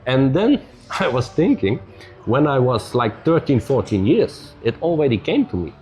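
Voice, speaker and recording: Lively relaxed male storyteller. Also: mid-range voice, moderate pace, faint music behind. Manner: loose non-native English grammar, frequent "you know". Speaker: podcast guest, entrepreneur. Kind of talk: casual storytelling conversation.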